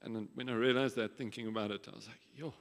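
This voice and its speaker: Man in his thirties, reflective memorial storyteller, flat low voice, hall reverb. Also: fast talker, gravelly. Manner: reflective storytelling, some restarts. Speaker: nephew giving memorial tribute. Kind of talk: memorial speech.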